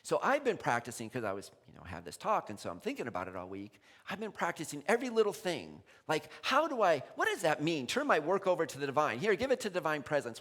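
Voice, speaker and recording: A male pastor giving a sermon in a conversational, animated way, laughing often. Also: fairly high pitch. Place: church sanctuary. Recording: long reverb in a large hall.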